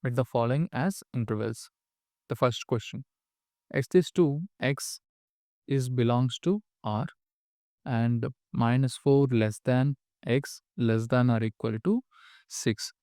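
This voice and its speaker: Male maths teacher, dictating step by step, clear smooth voice, short pauses, methodical repetition, close dry recording. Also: mid-range voice, a little mellow, no echo. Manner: repeats questions and rules in a methodical way. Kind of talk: step-by-step worked-solution lesson.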